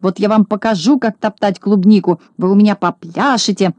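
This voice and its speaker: A woman voicing a furious bald male shorty landowner, shouting and screeching threats. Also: mid-range voice, normal speed, no echo, close to an everyday voice. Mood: shrill rage.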